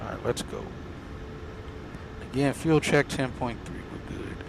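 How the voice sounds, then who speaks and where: A man's voice: mid-range voice, measured pace, vocal fry, background noise. A man as an airline pilot giving clipped, matter-of-fact cockpit callouts and radio calls into his headset mic.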